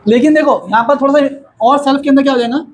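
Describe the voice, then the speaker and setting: A man teaching a grammar lesson to a classroom of students, explaining slowly and asking them questions again and again. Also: very high-pitched, slight background noise, poor audio.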